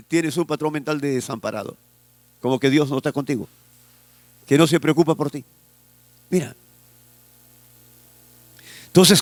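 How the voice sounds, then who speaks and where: High-voiced preaching pastor. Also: male voice, dry recording, studio quality. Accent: Peruvian Spanish. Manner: preaching, has the congregation repeat phrases after him. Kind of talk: sermon.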